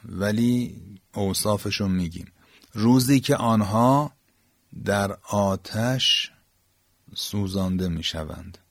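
Calm low-voiced man teaching. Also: dry recording, studio quality. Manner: calm explaining, pauses with fillers. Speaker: Quran teacher. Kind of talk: explanatory lesson on Arabic grammar.

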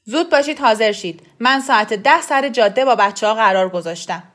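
A woman voicing an angry middle-aged father who scolds his wife in loud, harsh outbursts. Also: a little high, expressive. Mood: angry, scolding. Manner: shouting angrily, scolding.

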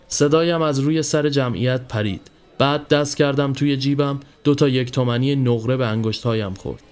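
A man hosting a podcast, reading a literary short story aloud in steady narration. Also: mid-range voice. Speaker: podcast host.

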